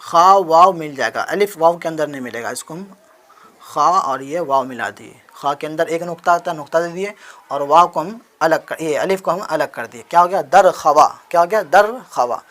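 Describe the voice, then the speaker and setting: A man's voice: fairly high pitch, moderate pace, a bit bright. A man teaching Urdu handwriting, patiently spelling out letters one by one and answering his own questions as he writes. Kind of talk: explanatory handwriting lesson.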